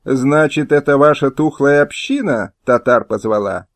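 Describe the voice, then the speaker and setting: A man's voice: mid-range voice, unhurried, dry recording, close to an everyday voice. Man voicing elderly nobleman, scornful, quarrelsome, snappish, dry sound. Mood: irritable.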